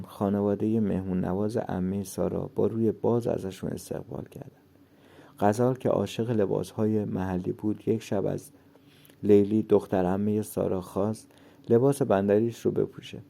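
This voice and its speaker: A man reading a story aloud in a steady narrating manner, with a gravelly voice. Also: lowish voice. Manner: steady storytelling, lightly voicing the characters.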